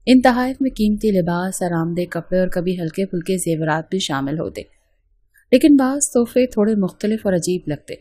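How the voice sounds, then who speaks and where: A woman narrates a first-person story at a steady, even pace. Her voice is mellow and soft and has a husky, breathy edge. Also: lowish voice, dry recording.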